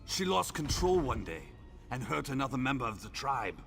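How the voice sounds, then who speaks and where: A welcoming hunter with a bright, gravelly voice that swings high and low as he talks. His game dialogue is effusive and brotherly, with faint music underneath. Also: big pitch swings, moderate pace. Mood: storytelling. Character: friendly eager male hunter, warm big brother.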